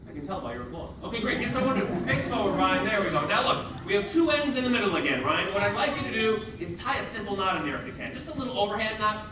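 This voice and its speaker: A man's voice: high voice, lively intonation, quick pace, few pauses. A man in his thirties doing playful, jokey kids party magician patter on stage, hyping up the children. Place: library auditorium stage, indoors. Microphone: distant audience camera. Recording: roomy, noisy hall recorded from far off.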